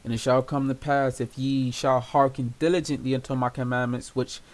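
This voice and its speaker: A man's voice: mid-range voice, level tone, normal speed. A man leading an informal Bible study, reading scripture aloud and explaining it casually with many fillers. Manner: casual and conversational, many fillers and "you know"; reads scripture aloud in old-style wording. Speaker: Bible teacher.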